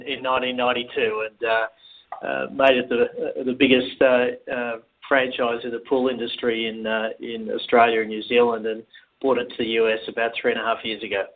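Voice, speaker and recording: Founder guy on the phone, kinda hesitant, lots of uhs, tinny sound. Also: medium pitch. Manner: relaxed, hesitant with many "uh"s. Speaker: franchise company founder. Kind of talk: phone interview.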